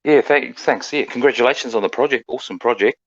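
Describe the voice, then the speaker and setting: A man's voice: mid-range voice, fast, muffled recording. A man with a New Zealand accent chatting casually as a caller, friendly, appreciative and slangy. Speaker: caller asking a question. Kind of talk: casual chat.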